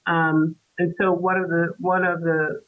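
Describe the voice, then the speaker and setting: A woman's voice: on the low side, level tone, unhurried, faint music behind. A woman from Trinidad, a guest on an interview podcast, talking through her answers thoughtfully with many fillers and restarts. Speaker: guest, independent scholar. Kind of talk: casual interview conversation. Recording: tinny phone-like remote call line.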